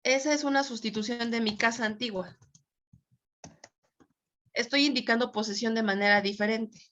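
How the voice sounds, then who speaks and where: A woman's voice: fairly high pitch, steady tone, normal speed, a bit bright, a little hiss or hum. A woman teaching a Spanish grammar class online, patiently checking that students follow. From Mexico. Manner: patient, checks understanding often. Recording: dull lo-fi audio.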